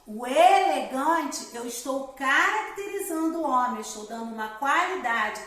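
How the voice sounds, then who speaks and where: A woman primary school teacher with a high-pitched, expressive, fairly bright voice gives a recorded grammar lesson at normal speed from a room at home. She explains step by step, checking in with the class through frequent "né?" and "galerinha". The room is very echoey and she sits far from the mic.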